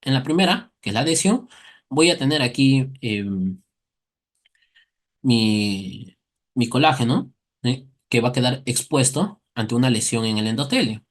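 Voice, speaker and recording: A man giving a recorded medical class, often asking the students a question and answering it himself, with playful everyday comparisons. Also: medium pitch. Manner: asks and answers his own questions, playful analogies. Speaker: medical lecturer.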